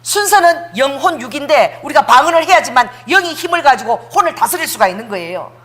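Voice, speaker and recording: A middle-aged woman preaches in a lively, animated sermon. Her voice sits a little high and swings widely in pitch as she tells stories, acts out quotes, and breaks into tongues. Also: quick pace.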